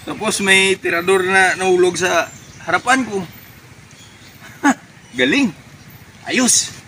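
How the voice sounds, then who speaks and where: The same high-pitched would-be superhero, empowered by a chicken peck, is now gleeful and excited, talking to himself slowly in a heavily acted, exclamatory way with villainous cackles. The comedy skit was recorded outside, with traffic noise audible.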